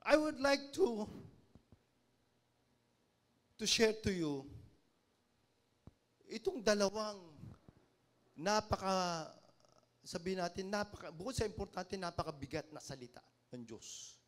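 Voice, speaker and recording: High-voiced Filipino preacher telling stories. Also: male voice, expressive, slow, long pauses. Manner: storytelling, acting out quoted voices, swings from hushed to loud. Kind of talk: sermon. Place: church.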